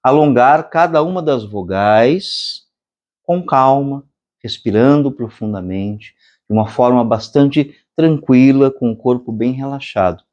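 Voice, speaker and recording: A man with a Brazilian Portuguese accent giving a spiritual meditation lecture, speaking slowly and deliberately with long pauses and chanting drawn-out vowels. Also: mid-range voice, a little mellow, dull audio. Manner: slow, measured delivery with long pauses. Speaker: meditation instructor.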